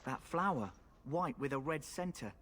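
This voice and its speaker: A man's voice: fairly high pitch, lively intonation, normal speed, fairly bright tone, slight background noise. An actor playing a wry young male soldier companion in a video game, speaking with dry, sardonic asides.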